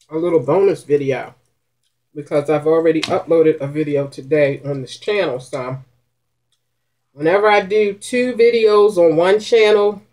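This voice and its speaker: A middle-aged woman with a deep, slightly mellow voice hosts a mukbang video from a small curtained room at home. She chats casually and appreciatively between mouthfuls as she eats.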